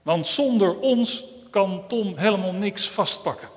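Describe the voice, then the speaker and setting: A man voicing a self-important pair of talking hands in a children's story, loud, in a church with long reverb. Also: high voice, lively intonation, measured pace, pitched above the performer's own voice.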